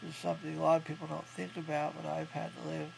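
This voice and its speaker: A man in his thirties speaks with heavy vocal fry and very little pitch movement, stuffed up and thick-mouthed after oral surgery. He talks in a halting, matter-of-fact video-diary style. Clear hum and noise sit behind his voice. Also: monotone. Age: 30s. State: congested, can't breathe through nose. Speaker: vlogger recovering from jaw surgery. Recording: clearly noisy home recording with hum.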